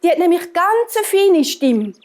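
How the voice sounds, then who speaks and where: A woman doing shrill little goat kids. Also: sing-song, a little slow, darkish tone, exaggerated voice. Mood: alarmed. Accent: Swiss German.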